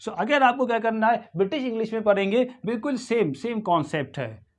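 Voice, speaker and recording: A man with an Indian accent teaching English pronunciation in a video lesson, saying each word slowly and repeating it for practice. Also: sits high, expressive, a little mellow. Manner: slow, repeats words for drilling, mixes Hindi and English.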